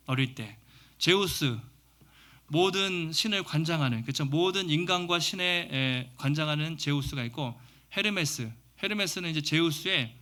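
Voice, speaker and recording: Male pastor, bright and slightly high voice, lively storytelling sermon. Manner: lively storytelling with sound words and dialect imitations. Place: church sanctuary.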